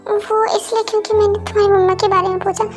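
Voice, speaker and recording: Girl doing a sweet soft young guy, pleading gently, high voice, light music behind. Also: level tone, fast. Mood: apologetic. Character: caring young man, gentle mafia lover.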